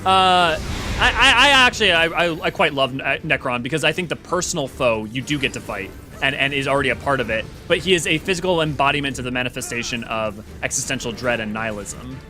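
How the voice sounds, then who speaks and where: A man hosting a casual livestream, reading viewer comments aloud and rambling excitedly with quick restarts. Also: mid-range voice, soft background music. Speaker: livestream host.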